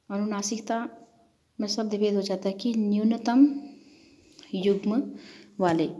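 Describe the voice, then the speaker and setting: Woman prof lecturing, reads out word pairs slow and careful, mid-pitch voice. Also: warm tone. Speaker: professor. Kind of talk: lecture on Hindi phonology.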